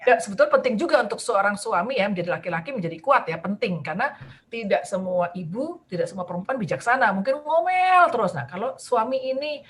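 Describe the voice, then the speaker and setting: A woman's voice: mid-range voice, expressive, fast. A woman guest talking casually in a conversation, full of fillers and acting out bits of dialogue. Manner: chatty with many fillers, acts out quoted dialogue. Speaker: guest speaker.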